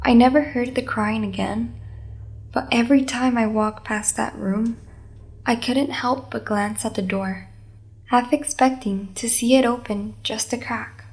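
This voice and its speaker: A woman narrating a scripted first-person scary story in a measured, suspenseful manner. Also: a little high, steady tone, slight background noise.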